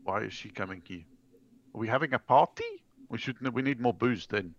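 A man's voice: medium pitch, brisk, a bit bright. A man bantering jokingly in character during a tabletop game. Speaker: player. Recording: dull dry recording.

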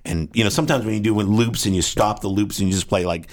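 A man with a very deep, low-pitched voice, walking through his gear in a long, rambling, technical explanation. He often sounds out rhythms with nonsense syllables as he goes. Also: steady tone, fast talker. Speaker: guest musician.

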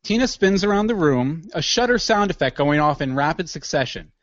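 A man's voice: a little high, animated, fairly quick, dry recording, dull audio. A man narrating scene directions in a matter-of-fact way for an audio drama.

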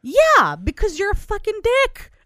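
Woman yelling into a clipping, distorted mic. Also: very high-pitched, wildly swooping pitch, unhurried, dry recording, clean studio sound. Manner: heated, swearing, playfully angry. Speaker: podcast co-host. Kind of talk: casual chat. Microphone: podcast mic, close.

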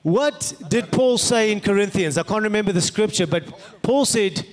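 A male pastor with a broad South African accent delivers a sermon in a fairly high-pitched voice. His manner is conversational and questioning, like someone telling stories to a congregation. The sound carries the long reverb of a hall. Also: normal speed. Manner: conversational, rhetorical questions to the listeners. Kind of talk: sermon with personal anecdotes. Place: large indoor hall, preaching to an audience.

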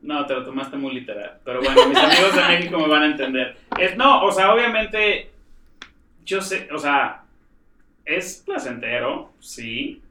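A man's voice: fairly high pitch, lively intonation, measured pace, bright, forceful tone, far from the mic, slight background noise. A man from Mexico City with a Mexico City accent, hosting a casual group chat, joking and frank about sex. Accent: Mexico City Spanish. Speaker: podcast host. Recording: echoey room, a bit off-mic.

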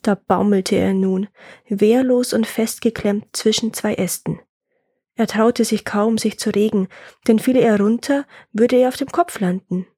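A woman reads a legend in a calm, measured storytelling voice, her tone slightly gravelly and husky. The recording is close and dry, with no room sound. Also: mid-range voice, no echo. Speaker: storyteller and podcast host. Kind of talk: scripted fairy-tale narration.

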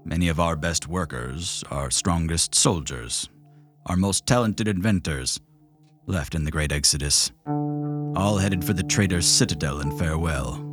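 A man as game master voicing a remorseful male leader, heard as a distant memory voice that draws closer, slow, grave and reflective. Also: low-pitched, fairly bright tone, soft background music. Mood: somber. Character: remorseful male leader recalling a past decision. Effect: distant memory voice drawing closer.

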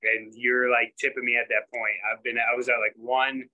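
Earnest male caller on a video call, bright tense tone, flat delivery. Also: mid-range voice, moderate pace, poor audio. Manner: earnest, repeats "man" often. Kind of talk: casual chat.

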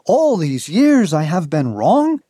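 A man voicing a despairing man who bemoans his wasted years, in a high, wailing lament. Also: wildly swooping pitch, slow, mellow, dry recording, studio quality, full character voice.

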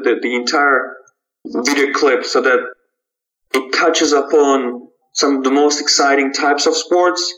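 A man from Kazakhstan, a startup founder answering interview questions in a measured, halting way with frequent restarts. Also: mid-range voice, fairly bright tone, muffled recording.

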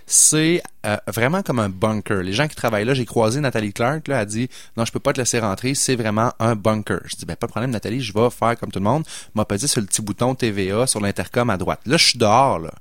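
A man's voice: fairly low pitch, quick pace, hardly any pauses, no echo, clean studio sound. A middle-aged man with a Québécois accent, hosting a podcast and telling a story in a chatty way, acting out the lines of the people he met, with lots of fillers. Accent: Québécois French. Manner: animated anecdote-teller, acts out dialogue, many fillers. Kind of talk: casual storytelling chat.

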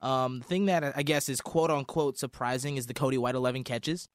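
A man's voice: mid-range voice, steady tone, a little fast, no echo, studio quality. A young American man co-hosting sports radio, giving casual commentary and thinking aloud in an easygoing way. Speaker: sports radio co-host and analyst. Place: radio studio.

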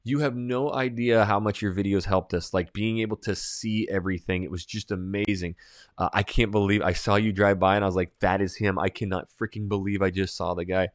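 A man voicing a starstruck woman fan who gushes in a high, breathless voice while retelling a meeting. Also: steady tone, a little fast, no echo, clean studio sound, close to an everyday voice. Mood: starstruck gushing. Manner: breathless, gushing, high-pitched.

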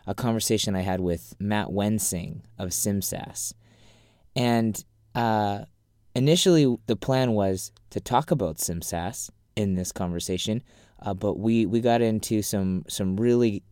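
Podcast host, male, stuffy with a cold, mellow low tone, dry close sound, chatty and self-mocking. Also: smooth, no room sound. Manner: chatty, self-deprecating, laughs easily. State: has a cold. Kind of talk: casual podcast chat.

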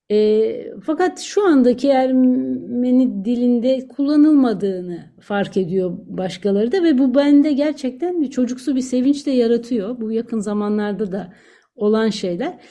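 Middle-aged female guest, slightly high and soft-toned, thoughtful and eager. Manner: thoughtful, fond and eager when recalling words. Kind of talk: conversational radio interview.

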